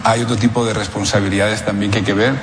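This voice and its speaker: A man giving a measured, slightly hesitant recorded statement. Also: lowish voice, little pitch movement. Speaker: interviewee. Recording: echoey hall with background noise.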